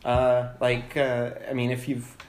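A man's voice: mid-range voice, monotone, measured pace, a little mellow. A man co-hosting a casual podcast, speaking in a thoughtful, agreeable way. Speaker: podcast co-host. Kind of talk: casual chat. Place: apartment room. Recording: echoey room.

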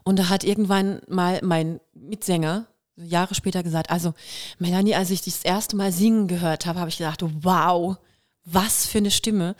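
Her voice sits lowish and moves at a normal speed. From Kirrlach, near Waghäusel in Germany, this actress and singer guests on a laid-back podcast, telling stories with a faint Kurpfalz dialect and playfully imitating dialect sounds.

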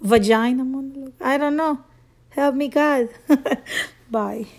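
A woman in her thirties from El Salvador, a Spanish native speaker with a Salvadoran accent, doing a stand-up monologue with halting restarts and chuckles between phrases. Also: high-pitched. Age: 30s. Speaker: actress.

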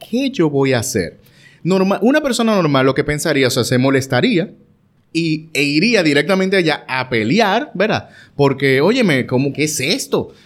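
A man earnestly telling a personal story in casual conversation, reflecting on his fears. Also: a little high. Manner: earnest, self-reflective, animated retelling. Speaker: guest sharing a personal story.

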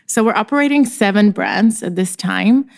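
A woman's voice: mid-range voice, moderate pace, gravelly, a little mellow. A woman entrepreneur from the former Soviet Union, answering podcast interview questions in a thoughtful way, often restarting her phrases. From former Soviet Union, Czech. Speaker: entrepreneur guest.

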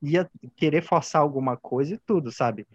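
A man chatting on a podcast, telling a story animatedly and jumping into high excited tones. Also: normal speed, no echo, highs cut off. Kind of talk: casual storytelling chat.

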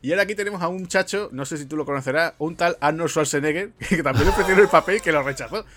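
A man's voice: on the high side, very fast, fairly bright tone. Chatty man telling film trivia. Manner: chatty storyteller, frequent fillers and asides. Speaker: podcast host. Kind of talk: casual film podcast chat.

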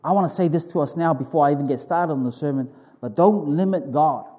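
A man's voice: fairly high pitch, quick pace, warm tone. A man preaching a sermon to a congregation in an informal, conversational way, repeating phrases for emphasis.

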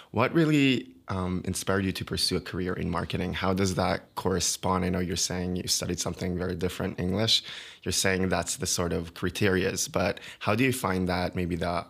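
A man hosting an interview podcast, introducing his guest and asking measured, deliberate questions. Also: low-pitched, vocal fry. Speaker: podcast host.

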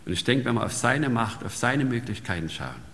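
A man's voice: mid-range voice, animated, a little fast, a bit bright, slight background noise. A man preaching a sermon in a conversational way, often ending sentences with a questioning "ne?". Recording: long reverb in a large hall.

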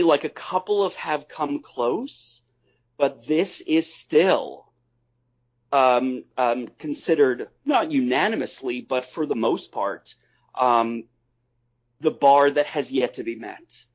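A man talking casually as a podcast guest, halting and deliberate as he discusses films. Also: medium pitch. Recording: slightly dull, compressed audio.

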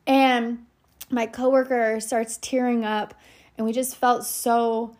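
Salon girl vlogging a story to the camera, kinda high voice, lots of "like" and "you know". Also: little pitch movement, a little mellow. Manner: chatty, fast, with many "like" and "you know" fillers; talks straight to viewers. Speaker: salon worker. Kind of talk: casual storytelling vlog.

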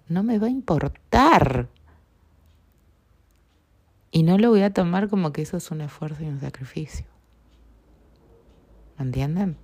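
Low, gravelly Rioplatense woman podcaster. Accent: Rioplatense Spanish. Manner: calm, unhurried, often seeks agreement with tag questions. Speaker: podcast host. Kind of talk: reflective spiritual podcast monologue.

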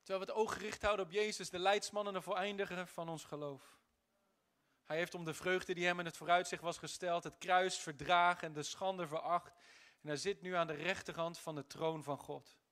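A man preaching a sermon, his voice high and bright. He swings between quiet passages and loud, forceful calls to the congregation. At times he drifts off the mic. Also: steady tone, brisk.

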